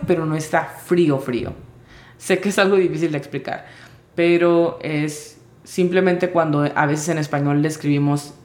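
A woman teaching English vocabulary in Spanish, spelling out each word's sounds slowly and carefully. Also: deep voice, darkish tone, reverberant. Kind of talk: vocabulary lesson.

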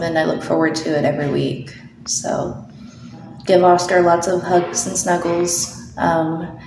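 Lady's voice message, low gravelly voice, far off in a roomy spot w/ noise behind. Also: a little mellow. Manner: hurried, rambling. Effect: recorded voice message played back. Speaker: listener sending a voice memo. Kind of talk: casual voice note. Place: hidden spot at work.

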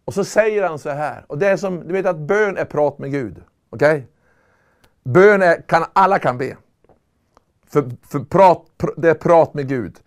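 A man with a notably high voice preaches a sermon. He speaks earnestly and with emphasis, often building up to loud, ringing calls.

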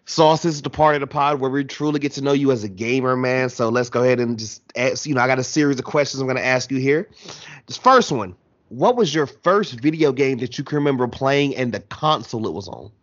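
A man's voice: mid-range voice, brisk. Male podcast host, slangy and informal, casual interview style, dull recording. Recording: dull, lo-fi audio.

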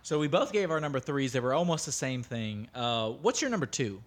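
A man's voice: medium pitch, sing-song, a little fast. An American man co-hosting a podcast, opinionated and blunt, swearing freely in casual banter. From United States. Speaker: podcast co-host.

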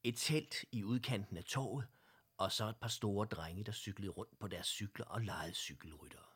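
A man reads a children's story aloud in a calm, lively way. His voice is low and husky. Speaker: narrator. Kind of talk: children's audiobook reading.

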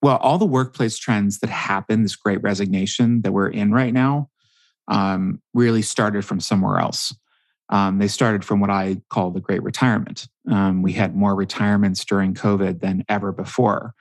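A man with a somewhat low voice talks as a guest expert on a podcast. He tells his points as animated stories and fills his pauses with frequent ums. The recording is dry and close, with almost no room sound. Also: no echo. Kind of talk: podcast interview.

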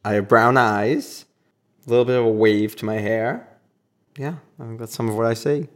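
A man with a Boston accent, talking as a guest in a casual, reflective interview and pausing often to search for words. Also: medium pitch, fairly even intonation. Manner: thoughtful, pauses often with filler words. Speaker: podcast guest.

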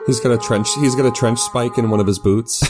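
A man's voice: mid-range voice, fairly even intonation, brisk, music in the background. A man chatting casually and bantering as a player in a tabletop game.

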